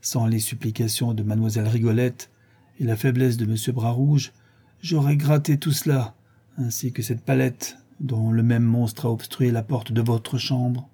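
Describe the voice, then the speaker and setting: A man's voice: mid-range voice, level tone, moderate pace, warm tone, husky. A man voicing a nosy, self-important old male porter who talks in a prim, fussy way. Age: older.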